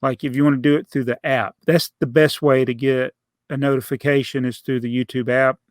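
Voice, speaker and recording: A man's voice: mid-range voice, level tone, brisk, no echo. A middle-aged man hosting a podcast, telling rambling stories in a casual chat and laughing often. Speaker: podcast host.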